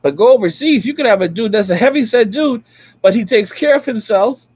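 A man's voice: high voice, animated, fairly quick, a little mellow, slightly rough. A man in his late thirties giving a preachy, repetitive rant as a reaction streamer, reacting to clips from home. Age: late 30s. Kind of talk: ranting commentary over clips.

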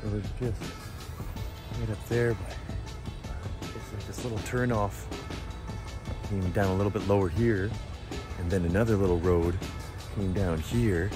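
A travel vlogger in his thirties chats casually to a handheld camera about his travels, relaxed and full of fillers, with a fairly low pitch. He's inside an SUV and outdoors by a coastal beach, recorded on a handheld phone or camera at arm's length.

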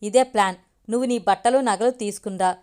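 A woman voicing a scheming young man who smoothly pressures his girlfriend in a storybook. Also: mid-range voice, a little fast, a little mellow, natural voice. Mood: pressuring. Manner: insistent, smooth-talking.

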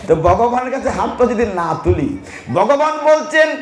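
A man preaching at a devotional gathering, teasing the listeners in a folksy way and reciting Sanskrit verses slowly. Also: high voice, sing-song. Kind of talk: devotional sermon. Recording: roomy hall echo.

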